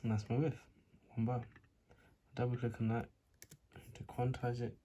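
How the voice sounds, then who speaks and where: A man's voice: medium pitch, little pitch movement, normal speed, background noise. A man teaching an informal step-by-step music tutorial, thinking aloud as he works, with R's that come out like W's. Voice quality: cannot pronounce R's properly, R sounds like W. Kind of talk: informal screen-recorded tutorial, demonstrating step by step.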